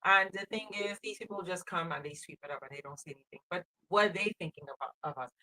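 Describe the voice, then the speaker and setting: A middle-aged woman co-hosts a casual chat, speaking earnestly and repeating phrases for emphasis. Her voice is on the low side but pushed and bright, her pace quick, and the audio is poor.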